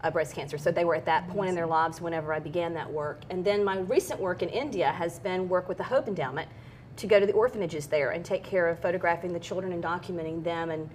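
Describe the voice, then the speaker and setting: A woman's voice: quick pace, a little mellow. A middle-aged woman speaking as an interview guest, telling personal stories in an earnest, candid, conversational way. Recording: clear background noise with low rumble.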